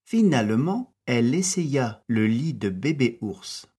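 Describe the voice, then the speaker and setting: A man reads a bedtime fairy tale in a slow, lilting voice. His tone is slightly husky and rises and falls a lot. Quiet music plays underneath. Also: medium pitch, animated. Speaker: narrator. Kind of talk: storybook reading. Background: soft music.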